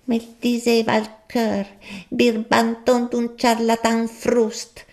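A man's voice: very high voice, monotone, slow pace, darkish tone, pitched above the performer's own voice, exaggerated voice. A man reading a story, voicing an indignant older countrywoman who complains in Lombard dialect. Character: peevish older countrywoman Martina, grumbling.

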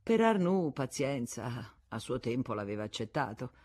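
A man narrating a novel as an audiobook, with measured literary reading. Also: mid-range voice, sing-song, darkish tone.

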